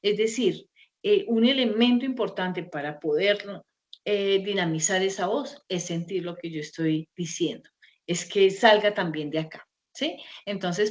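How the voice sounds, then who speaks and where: A woman's voice: medium pitch, highs cut off. A woman teaching an online class over a video call, conversational, with many fillers and rhetorical checks.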